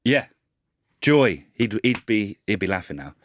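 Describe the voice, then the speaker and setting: A man's voice: on the low side, big pitch swings, unhurried, highs cut off. A man on a podcast panel, chatting casually and playing co-commentator on football.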